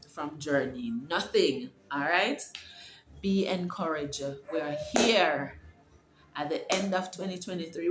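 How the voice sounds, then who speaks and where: At home in an echoey room with faint ambience and a little hiss or hum, a Jamaican woman in middle age talks in a lowish voice. Her casual vlog centers on faith, and she comes across as encouraging yet preachy. She wanders off track and restarts often.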